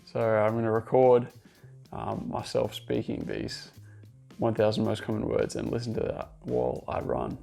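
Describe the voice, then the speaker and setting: A man whose first language is English vlogs casually to camera about picking up a new language, cheerful and poking fun at himself as he addresses viewers directly. He speaks at a moderate pace in a lowish, mellow voice with vocal fry, and faint music plays behind him.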